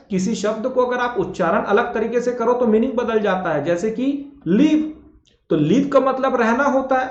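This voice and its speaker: Hindi-speaking man drilling pronunciation, echoey. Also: high-pitched. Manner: repeats words slowly to drill pronunciation; colloquial, addresses students as bhai and beta. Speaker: English teacher. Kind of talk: classroom lesson. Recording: dull, echoey classroom sound.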